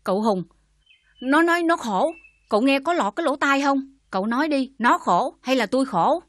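An actress with a Southern Vietnamese accent playing a bitter older mother who scolds her daughter with sharp sarcasm. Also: sits high, lively intonation, moderate pace, no room sound. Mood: scornful anger.

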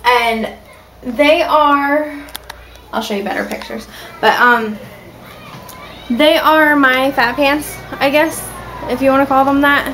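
A woman's voice: high-pitched, steady tone, takes it slowly, long pauses, a bit bright, slight background noise, low-quality recording. A woman vlogging from home in a casual, rambling way, with lots of ums and restarts. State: has the hiccups. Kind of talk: casual vlog chat. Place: at home, indoors.

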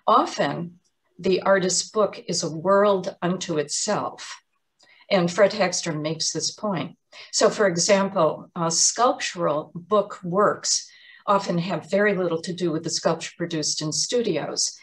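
A woman giving an explanatory museum talk on artist's books, measured and often pausing with um and uh. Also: lowish voice. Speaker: art lecturer.

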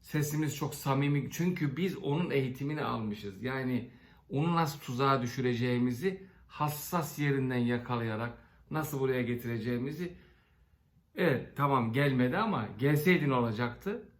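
A man's voice: mid-range voice, normal speed. Sarcastic man speaking in an echoey chamber. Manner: sarcastic, folksy storytelling with rhetorical questions. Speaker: member of parliament giving a speech. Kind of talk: parliamentary floor speech. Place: large parliament chamber.

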